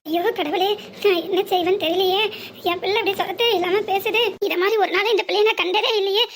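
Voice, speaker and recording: A woman's voice: extremely high pitch, steady tone, quick pace, a little hiss or hum. A woman voicing an old grandmother in a cartoon, wailing and scolding in a reproachful way. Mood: lamenting. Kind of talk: cartoon voice acting.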